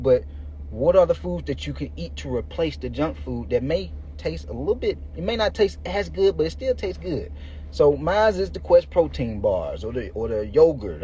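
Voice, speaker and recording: A slightly high, dark-toned voice belongs to a man in his thirties who coaches fitness and hosts a podcast. Speaking informally with plenty of slang, he motivates his listeners directly. The recording is lo-fi, noisy and muffled.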